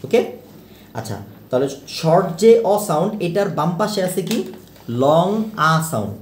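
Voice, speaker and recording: A man teaching English vowel sounds, repeating each example word several times and asking quick questions. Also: a little high, sing-song. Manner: repeats example words slowly, asks questions. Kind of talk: teaching pronunciation. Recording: echoey room with faint noise.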